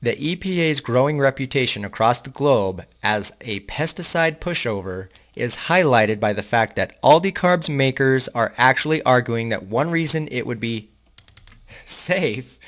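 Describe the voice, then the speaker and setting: A man's voice: medium pitch, a bit bright. A man hosting a channel, reading an article aloud and breaking off into casual, indignant and sarcastic asides to his viewers. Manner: casual, addresses viewers as guys. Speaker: host reading and commenting on an article.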